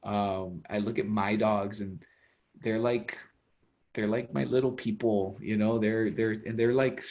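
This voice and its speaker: A man's voice: on the low side, fairly even intonation, darkish tone, a little hiss or hum. A man chatting on a podcast, his voice slightly dull and muffled in the recording. He starts and restarts his sentences, repeating words as he feels his way forward. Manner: halting, repeats words, supportive listener. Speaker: podcast co-host. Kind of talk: casual podcast chat.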